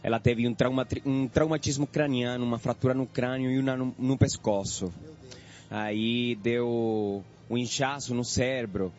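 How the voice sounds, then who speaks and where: A Venezuelan man with a Spanish accent giving an earnest, measured church testimony in a radio interview. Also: mid-range voice, fairly even intonation, darkish tone, faint music behind. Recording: dull lo-fi radio broadcast.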